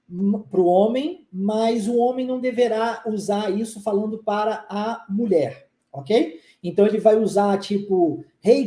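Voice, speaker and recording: A woman's voice: medium pitch, dark tone, reverberant. A woman with a Brazilian Portuguese accent teaches English in a live-stream lesson, reading out viewer comments, upbeat and repeating phrases for students to drill.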